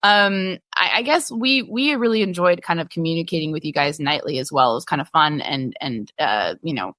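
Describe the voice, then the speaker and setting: Female podcast co-host, lower-pitched, dry close sound, rambling conversational delivery. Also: lively intonation, fairly quick, a bit bright, dry recording. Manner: chatty, many restarts and fillers, laughs easily. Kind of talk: casual chat reading patron questions.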